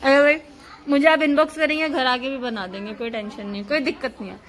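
This Pakistani vlogger speaks fast in a high-pitched, fairly bright voice with fairly even intonation. Shooting on her phone in her kitchen and then in a car at night, she chats, teases, and laughs a lot.

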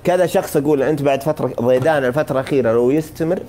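A man's voice: medium pitch, racing, warm tone. A man in his thirties with a Gulf Arabic accent, chatting casually as a co-host on a group live stream. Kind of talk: casual chat. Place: indoor sitting room. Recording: faint background noise, live-stream call audio.

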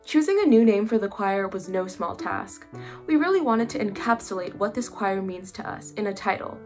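A woman's voice: mid-range voice, expressive, moderate pace, darkish tone, soft background music. A woman in her twenties from California speaking earnestly about her choir. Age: 20s.

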